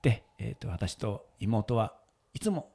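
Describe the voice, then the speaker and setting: Lively man telling a moving story. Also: on the low side, measured pace, vocal fry, breathy edge. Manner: moved storytelling, often laughing. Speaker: radio show host and wedding photographer. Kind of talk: casual radio chat.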